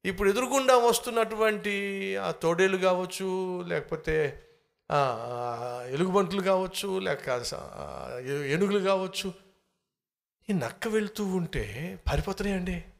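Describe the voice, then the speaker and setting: A man's voice: sits high, expressive, a little slow, gravelly, pauses often. A man preaching a sermon, telling a story and asking his listeners questions emphatically.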